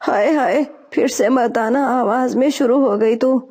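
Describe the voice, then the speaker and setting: A woman's voice: a little high, darkish tone, close to an everyday voice. A woman voicing a spiteful, bossy old female sparrow mother-in-law who scolds. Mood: scolding.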